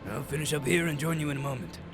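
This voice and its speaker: An actor playing a pompous, bossy police chief inspector in a video game, self-important and scornful of underlings. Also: male voice, fairly high pitch, fairly even intonation, rapid-fire, close to an everyday voice. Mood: brisk. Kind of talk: video game character acting. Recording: music behind the voice.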